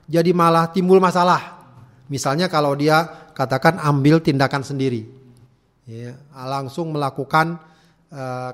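A man's voice: fairly high pitch, a bit bright. A man teaching a religious study class, explaining at length, repeating key words and adding frequent "ya" tags, often restarting clipped words. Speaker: Islamic teacher.

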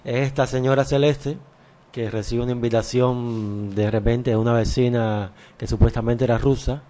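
A man with a Cuban accent joins a radio show as a guest. He is a film director and explains his work in a relaxed, unhurried way. His voice sits at an ordinary, mid-range male pitch. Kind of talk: interview answers.

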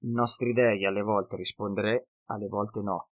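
A man voicing a cunning half-blood northern wanderer who speaks slow, broken, ungrammatical sentences in an audiobook. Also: fairly low pitch. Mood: philosophizing.

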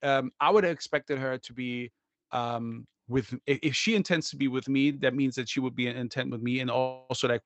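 A middle-aged man speaks over a remote call that keeps breaking up, so his word endings get cut off. He talks haltingly and often restarts his words. The sound is dry, with no room around it. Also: mid-range voice, steady tone, dry recording. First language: German. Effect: choppy call audio cutting out, clipped word endings. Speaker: guest. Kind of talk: casual remote interview. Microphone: video or phone call.

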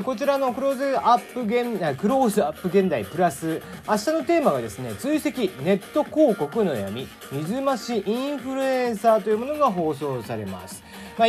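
A man talks through his own solo show in a loose, rambling way, catching and fixing his slips as he goes. His pitch swings widely from phrase to phrase, and soft music sits faintly under his voice. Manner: chatty, rambling, self-correcting. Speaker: podcast host. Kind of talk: casual solo radio talk.

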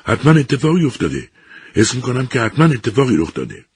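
A man's voice: a bass voice, a little hiss or hum. A man voicing an anxious middle-aged professor who talks urgently and frantically about his missing wife. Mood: frantic.

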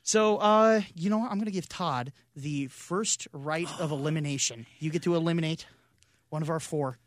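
A man's voice: a little high, normal speed, no room sound, clean studio sound. A man hosting a podcast, moderating a casual chat and handing turns to the others. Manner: moderating, hands over turns. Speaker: podcast host.

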